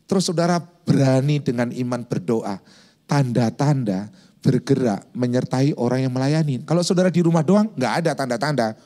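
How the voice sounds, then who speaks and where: A male pastor preaching a sermon in a lively storytelling manner, acting out quotes and sound effects. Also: medium pitch, normal speed.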